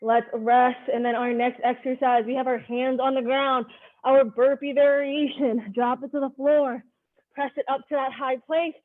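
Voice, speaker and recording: A woman's voice: sits high, little pitch movement, normal speed. A woman leading a live online workout class, giving directive, short cues and counts as a fitness instructor. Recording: narrow phone-like sound.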